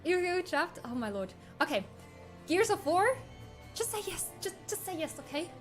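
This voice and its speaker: This streamer is a man whose voice changer makes him sound like a woman, and he goes full character as a teasing, sarcastic AI avatar chatting casually with his audience. Extremely high and a bit bright, his voice swings widely in pitch at a moderate pace. Game soundtrack music plays faintly.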